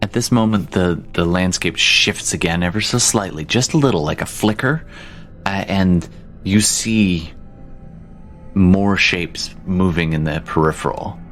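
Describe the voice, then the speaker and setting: A man narrating a tabletop game as dungeon master, slow and descriptive with fillers. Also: deep voice, fairly bright tone, soft background music.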